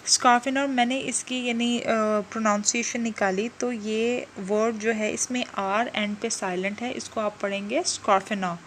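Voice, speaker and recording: A woman teacher lecturing on literary theory, slowly and carefully over English quotes. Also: fairly high pitch, steady tone, a little hiss or hum, low-quality recording. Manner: explains in a mix of Hindi-Urdu and English, slow over English quotes. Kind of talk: lecture explaining a literary text.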